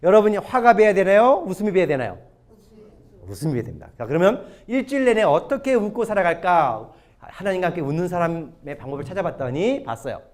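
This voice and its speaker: A male pastor giving a lively sermon lecture to an audience, often putting questions to them. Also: high-pitched, fast. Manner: animated, asks the audience questions. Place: church or hall lecture before an audience.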